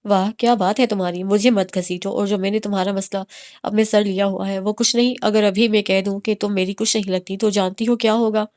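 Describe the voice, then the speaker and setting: A woman voicing a young man in a romance novel, calm and lightly teasing as he persuades. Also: medium pitch, a little fast, lightly acted. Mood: persuasive. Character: young man, teasing yet steady heir.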